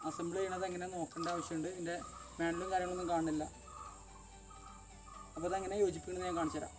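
A young adult man, a fitness vlogger, rushes through a casual explanation of assembling a home workout bench in a high voice with flat delivery. He's filming outdoors in a garden yard among banana trees, using a camera on a tripod set at a distance.

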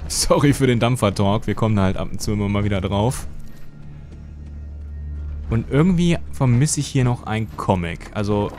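A young man, a native German speaker, streams a game from his home gaming room through a headset mic, with faint game music underneath. His lowish, slightly mellow voice is animated, at normal speed with long pauses. Chatty and rambling, he chats casually with viewers, reading and answering their messages.

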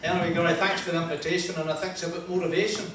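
With a flat delivery and a slightly high voice, an older Northern Irish motivational speaker gives an anecdotal talk before an audience in a big wood-panelled function room, chatting self-deprecatingly with lots of "uh" pauses and laughter. He holds a handheld mic, but the recording comes from afar in the echoey hall, with a noisy background.

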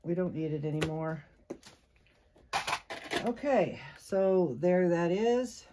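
A woman's voice: on the low side, lively intonation, slow pace, background noise. A middle-aged woman giving a casual sewing tutorial, chatty and encouraging as she thinks aloud while she works. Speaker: sewing instructor.

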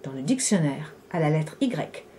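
A woman reading the part of a calm man obsessed with the letter Y, patient and quizzing. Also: low-pitched, moderate pace.

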